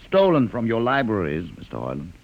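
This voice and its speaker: An actor playing a calm, educated male mutant leader in a 1950s radio drama, measured and quietly ironic. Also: lowish voice, muffled recording, exaggerated voice. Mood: calm, wry. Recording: old radio drama with long reverb.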